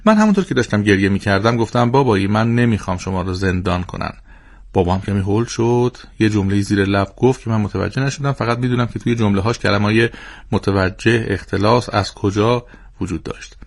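Man reading a story on radio, low voice. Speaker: radio presenter. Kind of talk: reading a humorous story aloud.

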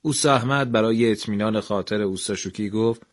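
A man narrating a scripted radio story in an even, measured way. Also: on the low side.

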